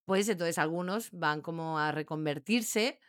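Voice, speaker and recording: A woman talks about training dogs in a lively, joking, casual way. Her voice sits on the low side for a woman. The sound is dry and close, with no room echo. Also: a little slow. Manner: animated and jokey, mimics barked commands. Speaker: dog trainer. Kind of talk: casual explanatory talk.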